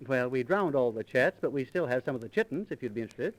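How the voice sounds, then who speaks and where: Wisecracking 1930s radio Napoleon, lively man acting. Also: medium pitch, fast, slight background noise, close to an everyday voice, low-quality recording. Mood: wry. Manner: flippant vaudeville patter, punning. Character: wisecracking, breezy Napoleon, a male emperor in farce. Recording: 1930s radio transcription disc.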